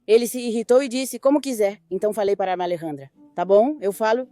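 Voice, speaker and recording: A mother recounting her family's story in a quiet, intimate documentary testimony. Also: medium pitch, fast, dry recording, faint music behind. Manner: quiet, intimate retelling with quoted dialogue. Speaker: grieving mother interviewed.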